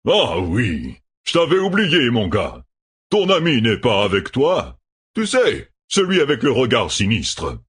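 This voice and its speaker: A man's voice: mid-range voice, huge pitch swings, unhurried, breathy edge, voice pushed up, full character voice. A man playing a shrewd, chummy innkeeper. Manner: chummy, then scheming. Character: burly, shrewd male innkeeper, falsely friendly.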